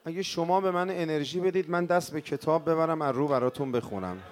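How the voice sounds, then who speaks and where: Higher-voiced man preaching a mourning sermon. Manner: emotional, swinging from hushed to crying out. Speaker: cleric preacher.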